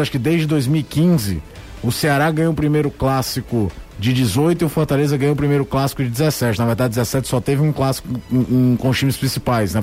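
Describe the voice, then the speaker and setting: A man's voice: mid-range voice, a little mellow. A man giving conversational, explanatory football analysis on the radio, repeating words to build his points. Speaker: sports commentator.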